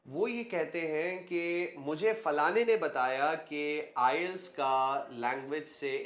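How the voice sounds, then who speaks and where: A man's voice: fairly high pitch, a bit bright, reverberant. A man hosting a podcast and putting polite, deferential questions to his guest. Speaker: podcast host.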